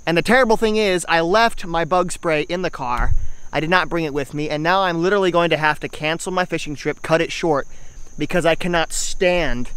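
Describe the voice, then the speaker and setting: A young man vlogging a fishing trip outdoors, talking in an animated way and exclaiming often. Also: fairly high pitch, clear, resonant tone. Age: young adult. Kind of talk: excited outdoor vlog commentary. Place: outdoors by a river and creek. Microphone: action camera on the body and at arm's length. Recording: faint outdoor noise from an action camera.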